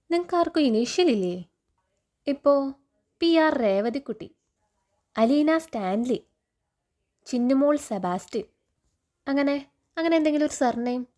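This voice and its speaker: A woman reading the lines of a stern father who scolds and teases his daughters, in a steady recounting tone. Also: on the high side. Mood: teasing. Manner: stern, threatening.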